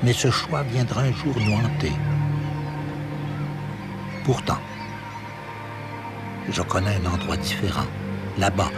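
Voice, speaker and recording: A man's voice: lowish voice, animated, takes it slowly, long pauses, over loud music. A man giving grave, solemn scripted narration for a documentary.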